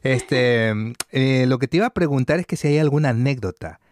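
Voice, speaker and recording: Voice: medium pitch, a little fast, a little mellow, no echo. Host from ecuador asking questions, easygoing, dry mic. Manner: friendly, asks questions. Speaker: podcast host. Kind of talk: casual interview chat.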